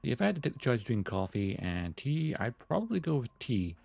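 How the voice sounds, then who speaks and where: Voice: medium pitch, big pitch swings, brisk, creaky, a little mellow, faint music behind. A game streamer giving playful, joking commentary and reading dialogue choices aloud. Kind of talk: casual live-stream commentary.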